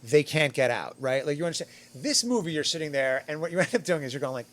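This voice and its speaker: A man's voice: on the high side, animated, fast, fairly bright tone. Rambling man on a podcast panel. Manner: rambling, filler-heavy retelling with acted quotes. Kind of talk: casual podcast chat.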